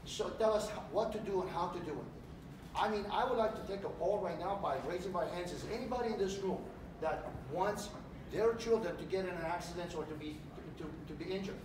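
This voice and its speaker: A middle-aged man from Romania, a political candidate giving an animated campaign speech in a large hotel meeting room. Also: sits high. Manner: animated, gesturing while speaking. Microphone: far camera. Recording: echoey room, distant mic, background noise.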